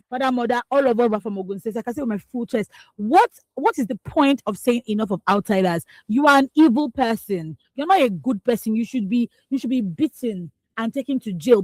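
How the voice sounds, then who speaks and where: Her voice is a little high, and the audio is poor and dry. She's a young Nigerian woman co-hosting a newspaper review on radio, going through the headlines before giving exclamatory, emphatic takes and laughing between points in the studio.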